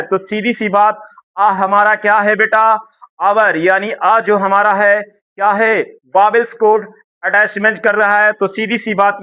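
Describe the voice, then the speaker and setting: A man's voice: sits high, pushed and bright, smooth. A male teacher giving a grammar lesson, asking questions and answering them himself, affectionate toward his students. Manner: repetitive, asks and answers own questions.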